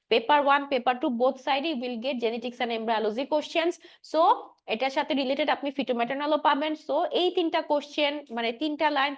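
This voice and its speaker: A woman giving an exam-prep biology lecture, drilling key points and often checking that students follow. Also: high voice. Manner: drills points with frequent checks, mixing English terms. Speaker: biology teacher.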